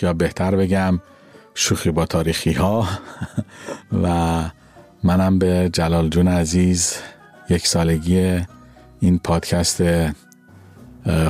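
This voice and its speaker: A man who mixes the podcast, speaking a playful, thankful message with halting pauses. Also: sits low, a little mellow. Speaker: podcast sound engineer. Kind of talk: casual spoken message.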